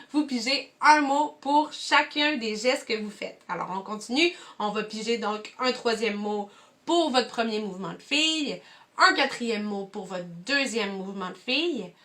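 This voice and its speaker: Speaking from indoors at home, a young woman with a Quebec French accent works as a cultural mediator, guiding kids through a movement activity. Her voice sits on the high side, pushed and bright, and she's encouraging, talking straight to the viewers.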